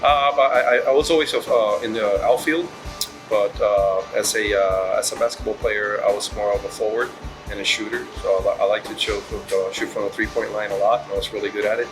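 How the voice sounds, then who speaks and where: Middle-aged man from Puerto Rico, restaurant partner in a casual interview; low voice, loose and rambling, guitar music under him. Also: steady tone, brisk, low-quality recording. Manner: rambling, many fillers and restarts.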